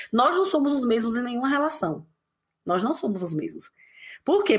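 Animated woman telling parenting stories. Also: on the high side. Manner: animated, quick storytelling with acted quotes. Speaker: guest. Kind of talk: casual podcast conversation.

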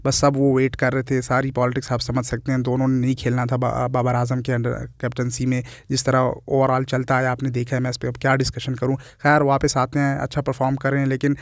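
A man's voice: medium pitch, monotone, a little fast, few pauses, no echo, studio quality. A man with a Pakistani Urdu accent giving opinionated cricket commentary in a channel vlog, talking in short listed phrases with English words mixed in.

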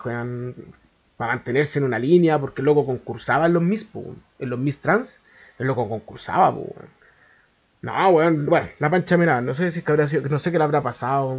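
A man's voice: medium pitch, a little fast, breathy edge. A man with a Chilean accent telling a story in a casual, slangy, profane way that rambles along. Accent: Chilean Spanish. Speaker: YouTuber.

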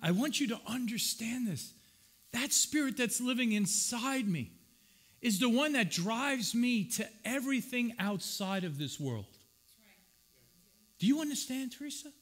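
A male pastor preaching a sermon. He swings from shouted lines to hushed asides and keeps asking the congregation questions and joking with them. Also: very high-pitched, lively intonation, a little slow. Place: church.

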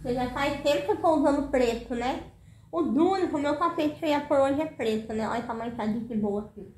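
Her voice is high-pitched, brisk, and a bit dark in tone as this Brazilian home cleaning vlogger in her thirties chats with viewers, speaking to them often while tiredly cleaning her kitchen. A camera across the room captures echoey indoor sound with a faint hiss or hum.

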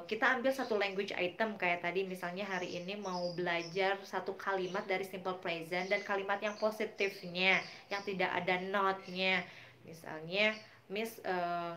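A woman's voice: medium pitch, a bit bright, a little hiss or hum. A woman English teacher with an Indonesian accent, explaining grammar and pronunciation in an online class and patiently repeating English example words.

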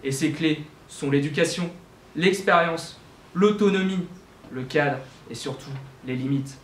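A man's voice: a little high, a little slow, slight background noise. A young man delivering a student eloquence-contest speech, declaiming with rhetorical questions and small self-corrections. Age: young adult. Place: university lecture hall. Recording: roomy hall with faint ambience.

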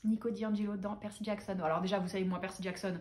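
Fast-talking bubbly young woman. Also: mid-range voice, little pitch movement, darkish tone. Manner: bubbly, gushing fan enthusiasm. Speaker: booktuber host. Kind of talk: casual chat to camera.

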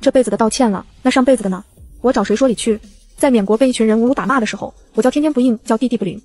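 A woman's voice: fairly high pitch, rapid-fire, a little mellow, close to an everyday voice. A woman voicing a cold, vengeful young woman who mocks her rival in an audiobook.

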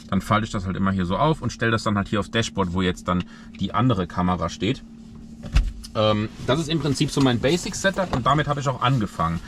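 A man in his thirties talking casually to the camera from the driver's seat of his car, relaxed and full of fillers. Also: medium pitch, slight background noise. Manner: chatty, relaxed, many fillers. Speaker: vlogger. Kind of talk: casual vlog talk to camera. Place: inside a car, driving then parked. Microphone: camera mounted on the dashboard.

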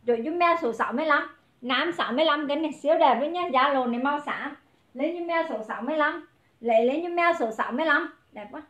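High-voiced woman hawking clothes on a livestream. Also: fairly bright tone, reverberant, dull audio. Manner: brisk, calling out prices to viewers. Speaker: online clothing seller. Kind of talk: livestream sales pitch.

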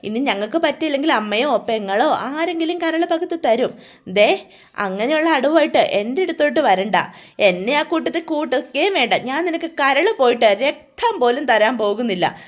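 A woman voicing a sharp-tongued young wife who lectures her drunk husband. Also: high-pitched, expressive, a little fast. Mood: lecturing.

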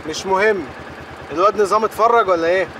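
An actor playing a vain, boastful husband with an Egyptian accent, chatting on the phone. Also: male voice, high voice, quick pace, a bit bright, slight background noise. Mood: chatty. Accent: Egyptian Arabic. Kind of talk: TV comedy series acting.

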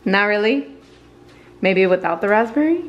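A woman chatting excitedly in a casual vlog, saying things like "dude" and "like," first in a car and then at home. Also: mid-range voice, normal speed, muffled recording. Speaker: vlogger. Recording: roomy with faint background ambience.

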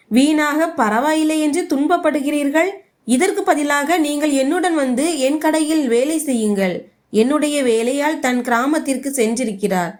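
Smug, arrogant cheat of a brother-in-law, read by a woman narrator, slightly raised pitch. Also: a little mellow, natural voice. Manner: smug, dismissive. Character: scheming arrogant grown man, brother-in-law.

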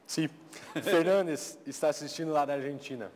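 A man's voice: fairly high pitch, moderate pace, a little mellow. A man with a Brazilian Portuguese accent hosting a live video chat, reading viewers' questions and prompting the pastor with short, friendly replies. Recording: reverberant studio.

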